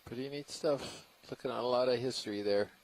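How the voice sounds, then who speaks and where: A man giving casual, live commentary as a scientist on a deep-sea robot dive. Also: brisk. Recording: faintly noisy live audio feed.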